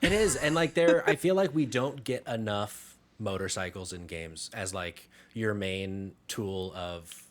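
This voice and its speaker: A man's voice: lowish voice, unhurried, hardly any pauses. A man hosting a casual panel chat, upbeat, moving the group along between turns. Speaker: host.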